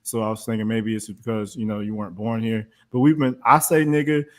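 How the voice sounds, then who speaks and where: Fast talking guy on a panel, blunt, keeps poking with questions. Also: lowish voice, fairly even intonation. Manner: quick, blunt, probing questions. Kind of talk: heated live debate.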